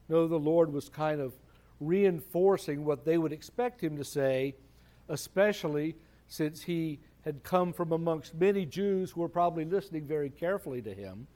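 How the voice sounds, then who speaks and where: A man's voice: fairly high pitch, dark tone. A man preaching a conversational sermon, asking rhetorical questions and repeating phrases for emphasis.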